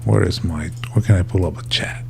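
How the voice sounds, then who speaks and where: Brisk and low-voiced with vocal fry, this livestream host talks casually with viewers as if they were his buddies, keeping things informal and relaxed. Background noise can be heard.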